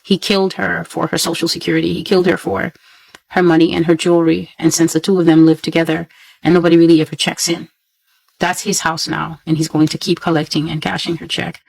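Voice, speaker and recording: A woman's voice: lowish voice, flat delivery, fairly quick, vocal fry, a little mellow, no echo, low-quality recording. A woman earnestly recounting a prophetic dream, telling it in a repetitive, storytelling way.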